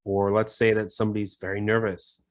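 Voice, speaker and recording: A man teaching a casual English vocabulary lesson, repeating phrases and filling pauses with "you know". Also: fairly low pitch, level tone.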